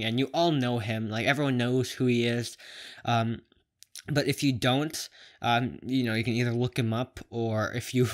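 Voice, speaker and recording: A young man from Canada talking casually to camera, with a lisp and whistling s, rambling and often correcting himself. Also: medium pitch. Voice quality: lisp with whistling s from plastic braces. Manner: rambling, halting, self-correcting. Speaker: video blogger.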